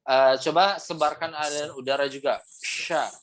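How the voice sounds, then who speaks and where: A man teaching pronunciation in an online class over a video call, patient and repetitive, modeling sounds slowly. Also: mid-range voice, a bit bright. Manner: patient, repeats "seperti itu, ya" often, demonstrates sounds. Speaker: Quran recitation teacher.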